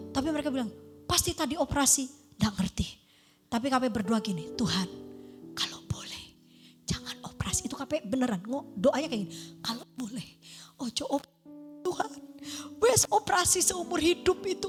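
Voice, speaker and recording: Lady pastor, 50s, high voice, super animated storytelling sermon, bit of music behind. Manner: animated storytelling, acting out dialogue. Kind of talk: sermon testimony.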